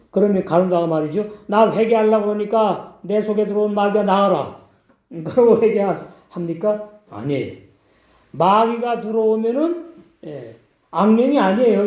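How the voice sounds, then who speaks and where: A male pastor preaches in a high, mellow voice, pressing his points with emphatic questions and short affirmations. The sound is roomy, with noticeable echo. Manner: emphatic, repeats "예" and questions to the congregation. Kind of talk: sermon.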